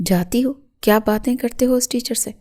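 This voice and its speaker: A jealous, domineering young man shouts and threatens, as a woman reads him in an audio novel. The voice stays warm and mellow even in his rage, with no real shift into a male register. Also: fairly high pitch, voice pushed up, natural voice. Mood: furious.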